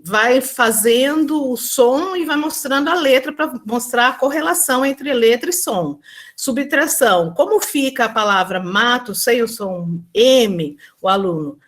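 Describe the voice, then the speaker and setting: A woman's voice: fairly high pitch, animated, fairly bright tone. Woman presenting at an online symposium. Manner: hesitant, many fillers and restarts, acts out teacher and pupil lines slowly. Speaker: teacher presenting a classroom experience report. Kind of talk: symposium presentation on literacy teaching.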